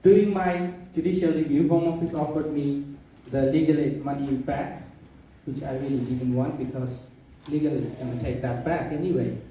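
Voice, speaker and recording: Young Bangladeshi man, a bit high-voiced, earnest public speaker; distant mic, faint room hum. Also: steady tone, normal speed, mellow. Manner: earnest, non-native phrasing, playful asides. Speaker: conference keynote speaker. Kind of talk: public speech. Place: conference room. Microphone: far from the mic. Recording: echoey room, mic far off.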